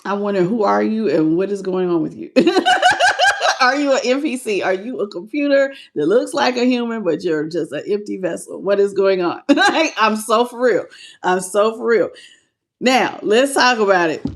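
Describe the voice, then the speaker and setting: A woman's voice: mid-range voice, expressive, moderate pace. A woman reading tarot cards on a live stream, talking casually and bluntly, teasing and greeting her viewers by name. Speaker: tarot reader.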